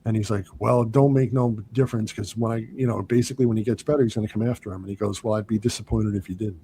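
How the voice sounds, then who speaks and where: Rapid-fire and on the low side, a man hosting a podcast rattles through a film in a casual, animated retelling, quoting and acting out its lines. The recording has a little hiss or hum.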